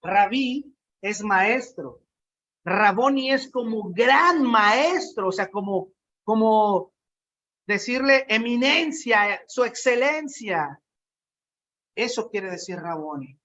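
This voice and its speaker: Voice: mid-range voice, animated, slow pace, a bit bright, dull audio, slight background noise. A preacher giving a conversational sermon, asking the congregation questions and acting out quotes.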